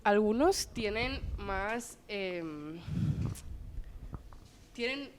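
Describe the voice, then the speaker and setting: A woman's voice: mid-range voice, animated. A teenage girl, a student guest on a podcast, chatting casually and agreeably. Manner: agreeable, quick to say yes. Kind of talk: casual chat.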